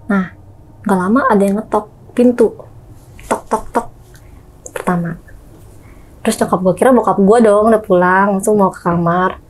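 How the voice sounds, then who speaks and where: A woman's voice: medium pitch, moderate pace, long pauses, a little hiss or hum, rough recording. A young woman, casually telling a true ghost story as a guest, acting out knocks and voices. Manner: lively, acts out knocks and voices.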